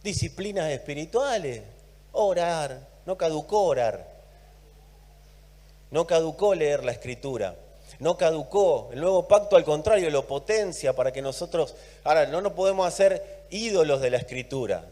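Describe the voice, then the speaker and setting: A man with an Argentine accent preaching a sermon, emphatic, swinging between loud and soft and repeating words for emphasis. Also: on the high side, lively intonation, normal speed, in a large hall. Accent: Argentine Spanish. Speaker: pastor.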